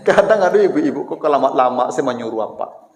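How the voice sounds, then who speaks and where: A man with a Minangkabau accent giving a sermon in a lively, teasing manner, acting out everyday exchanges. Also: mid-range voice. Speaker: preacher. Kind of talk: lecture-style sermon. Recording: echoey hall with long reverb.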